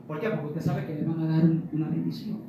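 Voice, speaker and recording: Male preacher from Ecuador, high voice with a mellow tone, animated sermon delivery, miked from a distance in a very echoey room. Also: quick pace, a little hiss or hum. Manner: animated, rhetorical questions to the congregation, acts out little dialogues. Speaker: evangelist preacher. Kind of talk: Pentecostal sermon.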